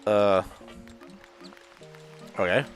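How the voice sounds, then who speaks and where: A man giving casual, rambling gameplay commentary as a let's play host, with sudden loud outbursts and hiccups. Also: lowish voice, fairly even intonation, drawn-out words, faint music behind.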